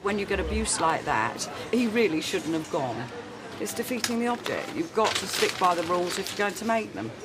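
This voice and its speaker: A woman speaks as airline desk staff, firm and matter-of-fact. Clear background noise from an airport sits behind her voice. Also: lowish voice, very animated, fairly quick. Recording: noisy airport documentary footage.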